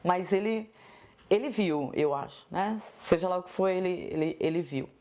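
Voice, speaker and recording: A woman with a Northeastern Brazilian accent and a slightly low voice reminisces softly and without hurry, often adding a gentle "né?" to her phrases. It's reflective personal recollection, like a writer being interviewed for a documentary.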